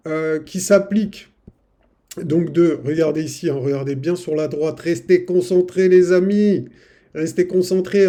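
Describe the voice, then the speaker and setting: A man's voice: sits high, dark tone. A man, a crypto YouTuber giving a casual, hype-driven chart analysis and talking chummily to his viewers.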